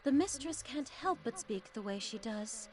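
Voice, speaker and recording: A woman voicing a composed, gently amused maid in an anime game, speaking politely and with measure. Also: on the high side, lively intonation, normal speed, over music, close to an everyday voice.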